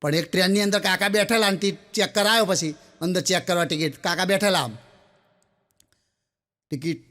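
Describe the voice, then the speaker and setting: During a stand-up set, a man with a high, slightly bright voice talks fast with few pauses. He chats with the audience, addresses them as sir, and tells joke stories while acting out the characters.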